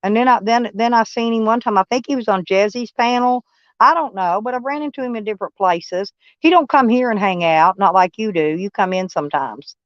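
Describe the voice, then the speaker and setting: A livestream host with a Texas accent, originally from Kentucky, USA, chats with viewers in a rambling, folksy, blunt way and swears some. Her voice is medium-pitched and fairly quick, with no echo and a lo-fi sound.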